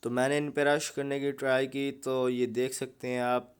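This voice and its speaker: A man's voice: mid-range voice, level tone, moderate pace, clear, resonant tone. A young man, giving casual, joking commentary over mobile gameplay. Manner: joking, chatty, keeps saying "bhai sahab". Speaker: gaming YouTuber.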